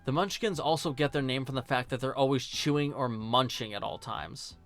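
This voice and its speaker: A man hosts a casual, opinionated film review in the style of a video essayist, blunt, sarcastic, and occasionally swearing. His voice is mid-range and a bit bright, moving fairly quickly, with music playing behind him.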